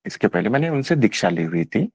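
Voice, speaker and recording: A man casually retelling a personal spiritual experience at a gathering, animated, quoting dialogue and laughing. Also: on the low side, a little fast, husky, no room sound, clean studio sound. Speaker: devotee sharing a personal experience. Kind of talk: casual satsang storytelling.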